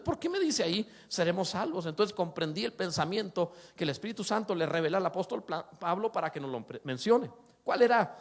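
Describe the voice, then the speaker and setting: A middle-aged man preaches, his voice pitched high for a man. He moves between earnest appeals and playful asides, and keeps asking the congregation rhetorical questions. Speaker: pastor. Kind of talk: sermon.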